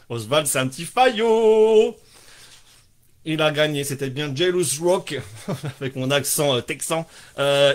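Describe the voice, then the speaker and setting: Man, live-stream host, somewhat high voice, rambling, jokey, offhand swearing. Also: a bit bright. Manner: joking, rambling, casual swearing. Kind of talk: casual live-stream hosting.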